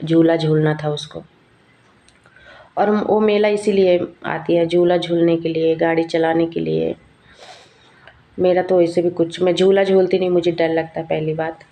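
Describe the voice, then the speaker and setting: A woman's voice: fairly low pitch, level tone, a little slow, warm tone. A young woman vlogger and mother, narrating casually in a chatty storytelling way. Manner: chatty, storytelling, laughs often.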